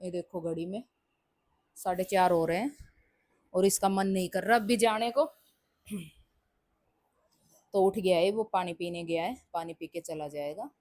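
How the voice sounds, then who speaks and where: A woman's voice: fairly low pitch, a little slow, pauses often, a little mellow, no echo. A woman in her thirties, a mother, chatting casually to viewers about her chores in a daily vlog. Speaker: home vlogger and mother.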